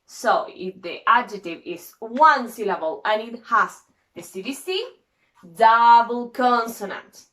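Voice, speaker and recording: A woman's voice: on the high side, measured pace, fairly bright tone. A woman teaching an English grammar lesson, spelling out letters one at a time and checking in with "okay?" after nearly every phrase.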